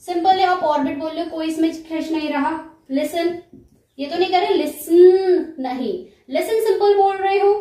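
A woman's voice: extremely high pitch, moderate pace, warm tone, echoey room. A woman teaching English grammar in a recorded lecture, explaining step by step and answering her own questions.

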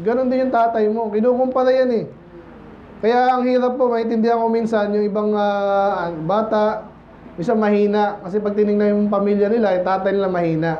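A man with a high voice preaches a Sunday sermon in a loose, conversational way, slipping English phrases into his talk. He keeps checking in with the congregation for an "Amen." The recording is somewhat dull, with faint noise underneath. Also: a little mellow. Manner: mixes English phrases into Tagalog. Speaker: pastor. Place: church.

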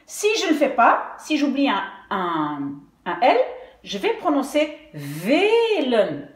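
A woman's voice: on the high side, huge pitch swings, a little slow. A woman teaching Dutch spelling, patiently sounding out words syllable by syllable. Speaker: language teacher. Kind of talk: explaining Dutch spelling at a whiteboard. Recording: echoey room.

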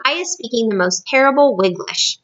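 A woman voicing a gentle, eager, easily flustered male giant who talks in muddled grammar and invented words. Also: a little high, lively intonation, brisk, muffled recording, pitched above the performer's own voice. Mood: downcast.

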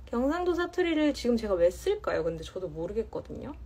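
A woman's voice: mid-range voice, sing-song, brisk, a little mellow. A woman in her thirties from Jeonju, chatting casually on a phone livestream, reading viewer comments in a playful, teasing way and drawing out words for emphasis. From Jeonju, Korea. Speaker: livestream host. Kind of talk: casual live-stream chat reading comments.

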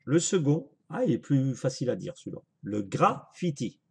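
A man's voice: medium pitch, sing-song, moderate pace, vocal fry, darkish tone, slightly rough. A man in a casual home video review, chatty and apologetic, thinking aloud with lots of fillers as he shows products. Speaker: vaping vlogger.

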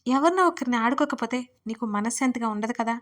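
Calm young husband, few words, dry teasing, voiced by a woman narrator. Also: a little high, quick pace, close to an everyday voice.

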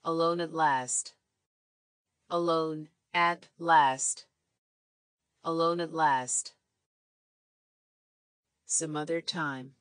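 A woman reading short English phrases for learners, saying each one three times in a measured, clear way. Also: low voice, steady tone, a bit bright, no echo, clean studio sound. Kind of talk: slow repeated phrase drills.

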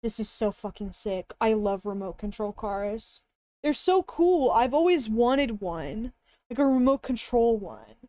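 A young woman streams casually in a high, swooping voice, with a cute, bubbly anime-streamer manner. She takes her time over her words and reacts in an exaggerated way. The sound is close and dry. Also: expressive, measured pace, mellow, no echo. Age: young adult. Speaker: live streamer. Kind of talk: casual livestream chat, browsing and reacting. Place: indoor room at a streaming desk.

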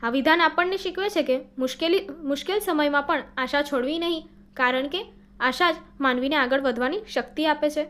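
A woman teaching by reading workbook answers aloud in a steady, explanatory way, now and then correcting a slip. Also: high voice, brisk.

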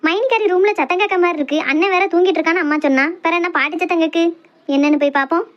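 A woman playing a shrill accusing Kanyakumari sister-in-law. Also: racing, muffled recording, a little hiss or hum. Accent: Kanyakumari Tamil. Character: sharp-tongued young sister-in-law, loud and accusing. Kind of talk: family comedy skit.

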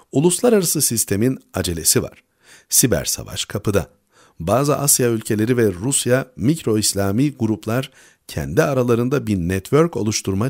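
A man reading a newspaper opinion column aloud in a measured way, letting each sentence drop low at the end. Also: a little mellow, breathy edge.

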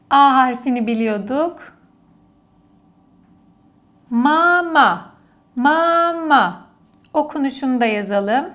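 A woman teaching an alphabet lesson to children, patiently repeating each letter and word aloud for the class to copy. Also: high-pitched. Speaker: language teacher.

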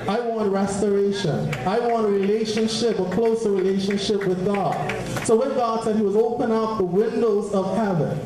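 A man's voice: high voice, fairly even intonation, normal speed. A young man from Turks and Caicos preaching about giving in a church, speaking into a handheld mic with fervent, rhythmic repeated phrases. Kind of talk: offering exhortation. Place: large church hall with congregation. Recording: very echoey church hall.

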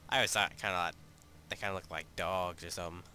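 A man's voice: sits low, fairly even intonation, fast talker, pushed and bright, a little hiss or hum. A man giving crude, offhand let's play commentary while playing a game. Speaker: gamer.

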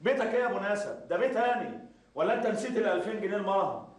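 A man's voice: high voice, animated. An actor playing a domineering, mocking husband who bullies his wife, in an Egyptian accent. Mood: angry. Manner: rapid-fire, bullying, mocking. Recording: echoey room, faint hiss.

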